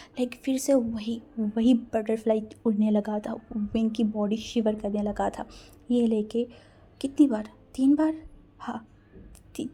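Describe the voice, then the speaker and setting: A woman's voice: a little high, dark tone. Woman narrating a dramatic fan story.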